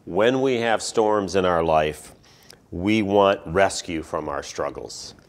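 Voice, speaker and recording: A man, a pastor, giving a relaxed, conversational sermon. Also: low voice, slow.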